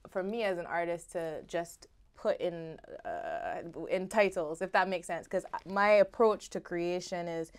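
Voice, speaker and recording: A woman's voice: on the low side, expressive, measured pace, few pauses, clean tone. A young Barbadian woman singer from Barbados, talking expressively as a guest in a casual interview. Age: young adult.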